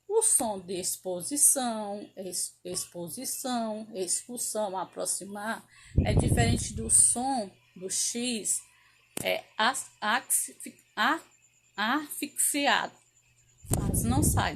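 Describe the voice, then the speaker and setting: A woman teacher slowly reading out sentences and word lists in a spelling lesson, stretching each word with care. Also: mid-range voice. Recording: audible background noise.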